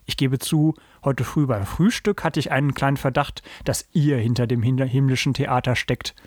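A man's voice: mid-range voice, steady tone, moderate pace, no room sound, clean studio sound. A man reading a children's Christmas story aloud as a podcast host, then chatting casually with his co-host.

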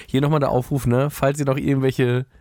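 A man's voice: mid-range voice, level tone, a little fast, a little mellow, no echo, studio quality. A man co-hosting a podcast in casual chat, often stumbling over his words and restarting sentences. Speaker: podcast co-host.

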